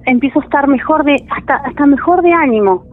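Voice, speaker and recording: A woman with a high voice and a Rioplatense Spanish accent calls in to share a personal story. She speaks haltingly, restarting phrases as her voice wavers with emotion. Her voice is tinny and narrow, as if coming through a phone line. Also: animated, slight background noise. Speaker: caller sharing a personal story.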